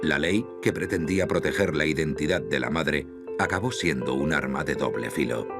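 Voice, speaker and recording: A man reading a documentary narration in a measured, even way. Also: extremely low pitch. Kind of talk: scripted narration. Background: music.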